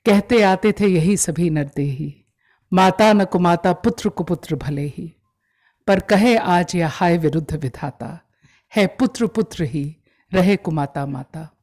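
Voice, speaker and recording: A woman at a live gallery event, chatting briefly and then reciting a long poem in a measured way that swells with emotion. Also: fairly low pitch, darkish tone. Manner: mixes Hindi and English, measured, swells with emotion in the verse. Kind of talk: live poetry recitation with chat. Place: exhibition event in a gallery hall.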